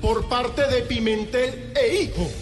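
A man's voice: very high-pitched, slow, over music. A man voicing an indignant, pious, aggrieved character in a theatrical, pompous radio declamation. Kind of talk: mock-dramatic radio declamation. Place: radio studio.

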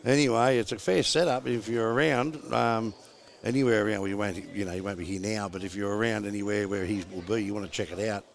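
A man's voice: fairly low pitch, fairly even intonation, fast talker, vocal fry. A man with an Australian accent hosting a casual podcast chat in a laconic, drawling country manner. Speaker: podcast host.

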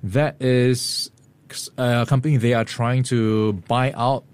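Man, brisk market commentary, slightly hoarse, dry studio sound. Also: medium pitch, fairly even intonation, a little mellow, no echo. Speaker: market news co-host. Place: radio studio. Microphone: studio microphone.

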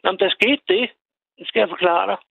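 A man calling in to a radio show, telling a personal story in a halting way, repeating words as he goes. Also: high-pitched, gravelly, husky, no echo. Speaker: radio caller. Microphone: telephone. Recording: tinny phone line, dry.

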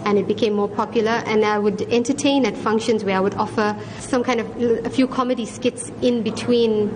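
A woman's voice: a little high, steady tone, a little fast. A middle-aged South African woman, a restaurateur and singer, chatting freely in an interview. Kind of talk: interview answers. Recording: noisy crowd behind.

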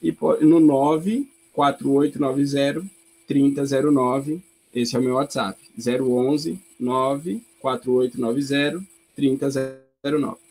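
A man's voice: mid-range voice, steady tone, a little mellow. A man missionary carefully giving out his contact details. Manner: slow and careful, spells out contacts. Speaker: missionary guest.

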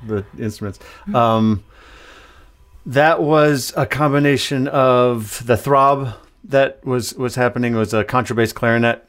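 A man with a medium-pitched, clear, resonant and fairly bright voice answers interview questions conversationally on a remote call. A composer, he explains his work thoughtfully and unhurriedly, with fairly even intonation and plenty of hesitant fillers.

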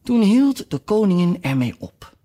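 A narrator reading a children's classic aloud with expressive delivery. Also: medium pitch, normal speed. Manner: expressive storytelling. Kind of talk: audiobook reading.

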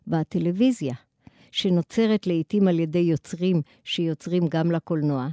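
A woman with an Israeli accent delivers a scripted academic lecture in a formal, articulate manner, in long measured sentences. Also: on the low side, dark tone, dry recording.

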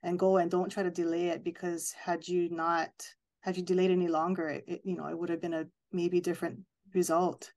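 A woman's voice: lowish voice, level tone, brisk, a little mellow. A woman hosting an interview, speaking in an earnest, reflective and supportive way. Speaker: host. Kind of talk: radio-style interview talk.

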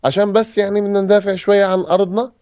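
A man's voice: sits high, flat delivery, very fast, darkish tone, smooth, dry recording, clean studio sound. A man from Gaza with a Palestinian accent gives an emotional personal testimony as a podcast guest and repeats phrases for emphasis. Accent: Palestinian Arabic.

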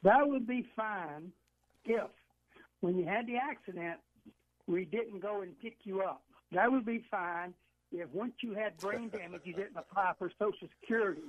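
High-voiced male caller on a phone line. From Georgia, US. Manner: emphatic, insistent, repeats himself. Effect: heard over a phone line. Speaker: radio call-in caller. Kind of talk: call-in opinion talk.

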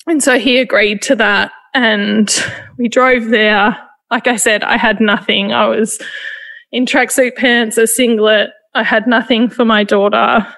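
A woman, retelling a painful personal experience in a halting, emotional way, with frequent restarts. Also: fairly high pitch, vocal fry, fairly bright tone. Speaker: interviewee. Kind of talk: personal testimony.

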